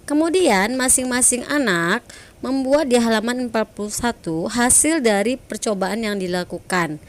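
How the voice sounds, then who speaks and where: A woman teaching a primary school class online, speaking gently and coaxing her pupils with frequent "ya". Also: fairly high pitch, normal speed. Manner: gentle, coaxing, adds "ya" to sentences.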